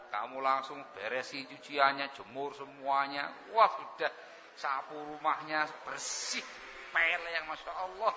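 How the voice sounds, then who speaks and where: A man preaching a sermon, acting out household scenes and swinging between loud outbursts and hushed asides. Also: medium pitch, in a large hall, lo-fi sound, slight background noise.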